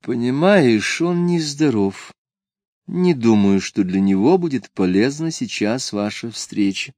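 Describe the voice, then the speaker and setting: A man's voice: mid-range voice, animated, measured pace, no room sound, voice pushed up, natural voice. A prim, fretful genteel lady, as a man puts her on, speaking in a raised, fussy tone. Dry, close recording. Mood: hesitant. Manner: prim, fretful, with hushed theatrical asides.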